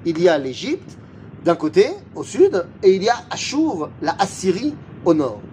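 Man, high voice, unhurried Torah teacher, chants verses, asks and answers questions, faint vehicle rumble. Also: big pitch swings, warm tone. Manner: poses rhetorical questions and answers them; chants Hebrew verses between French explanation. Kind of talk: religious lesson.

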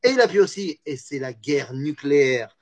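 A male religious teacher gives his lesson through animated storytelling, stumbling and restarting as he goes. His voice sits high and has a husky rasp. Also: moderate pace. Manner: lively storytelling with hesitant restarts. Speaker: Torah teacher.

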